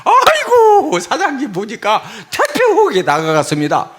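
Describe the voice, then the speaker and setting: A man's voice: extremely high pitch, huge pitch swings, a little slow, a bit bright, pitched above the performer's own voice, heavily acted. A man voicing a fawning bar hostess who agrees with everything in a nasal, sugary way. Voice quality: nasal, wheedling.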